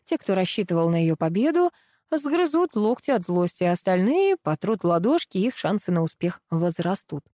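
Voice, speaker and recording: A woman reading a first-person audiobook in a lively, ironic storytelling manner. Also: on the low side, normal speed, dry recording, studio quality. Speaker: audiobook narrator.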